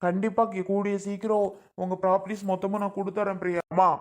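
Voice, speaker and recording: A man's voice: high voice, little pitch movement, fast, natural voice. A man playing a remorseful young man who pleads with his family and begs forgiveness, in a family drama skit. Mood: reproachful. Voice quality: earnest, pleading.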